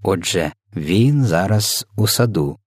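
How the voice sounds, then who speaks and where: A man with a husky low voice reading the lines of a startled, dignified queen, sharp and commanding by turns, sometimes hushed. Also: expressive, takes it slowly, no room sound, studio quality, full character voice. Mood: composed.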